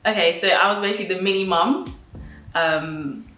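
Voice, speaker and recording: A woman's voice: fairly low pitch, normal speed, pushed and bright. A woman in her twenties, a trainee solicitor, giving a chatty, light-hearted documentary interview. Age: 20s. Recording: echoey room with faint noise.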